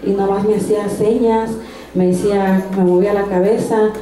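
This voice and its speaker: A woman's voice: mid-range voice, fairly even intonation, moderate pace, warm tone. A woman giving a personal faith testimony at a church service, telling it earnestly with frequent restarts. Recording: echoey room sound.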